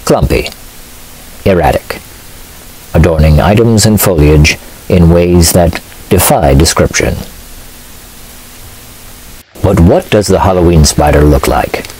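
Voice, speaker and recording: A man narrating a mock nature documentary in a solemn, deadpan documentary manner, with a husky voice. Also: deep voice, takes it slowly, pauses often, rough recording.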